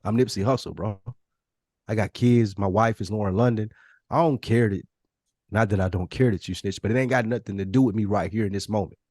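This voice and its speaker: A man's voice: on the low side, a little fast, darkish tone, no room sound, studio quality. Blunt, emphatic man on a podcast. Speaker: podcast co-host. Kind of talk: casual podcast chat.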